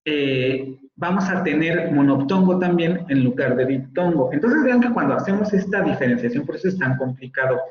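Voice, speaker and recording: A man's voice: fairly high pitch, animated, moderate pace, few pauses, noisy background. Male teacher lecturing in a roomy room. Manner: explains patiently, demonstrates sounds aloud. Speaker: university phonetics teacher. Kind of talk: online lecture. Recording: roomy, slightly dull video-call audio.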